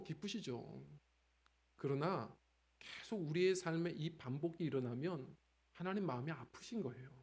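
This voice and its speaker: A male pastor preaching in a church, his pitch swinging freely as he tells stories from family life. His voice sits a little above the usual man's, animated and conversational rather than solemn. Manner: conversational preaching with lively storytelling. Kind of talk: sermon. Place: church sanctuary.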